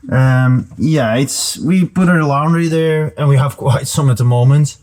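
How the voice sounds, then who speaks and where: A vlogger gives a casual, rambling walkthrough tour of a small RV trailer, and the interior is noisy. His voice is medium-pitched and a little mellow, with a measured pace.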